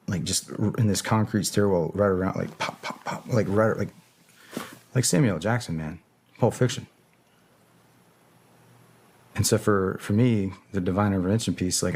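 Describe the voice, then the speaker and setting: A man's voice: deep voice, darkish tone. A man, a podcast guest, telling a story in casual talk, swearing bluntly and often stopping to search for words. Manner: profane, blunt and hesitant.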